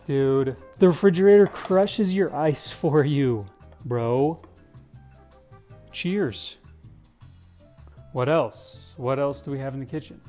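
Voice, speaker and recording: Young male vlogger, mellow tone, joking house tour, faint music under. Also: on the high side. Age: young adult. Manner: playful, jokey, says "dude" often. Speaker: English teacher vlogger. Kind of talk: casual house-tour vlog. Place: kitchen of a large house, indoors. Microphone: handheld camera, selfie framing.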